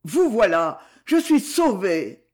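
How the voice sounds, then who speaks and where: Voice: medium pitch, big pitch swings, slow pace, a little mellow. A reader voicing a dying young man in an audiobook, who talks in trembling, breathless pleading. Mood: feverish pleading. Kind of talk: audiobook character reading.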